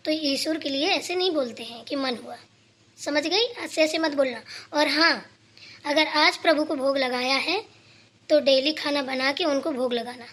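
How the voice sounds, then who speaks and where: A woman's voice: high-pitched, normal speed, a bit bright. A woman voicing a stern, bossy older mother-in-law in a cartoon, scolding and lecturing her daughter-in-law. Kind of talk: cartoon voice acting.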